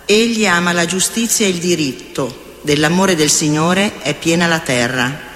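Male lector, higher register, solemn even liturgical reading; long church reverb. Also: moderate pace. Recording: echoey church hall with faint ambience.

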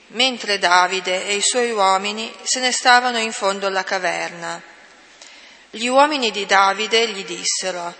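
A man reading a scripture passage aloud as lector, in a measured and solemn way, in a church. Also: sits high, sharp tone. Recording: long church reverb.

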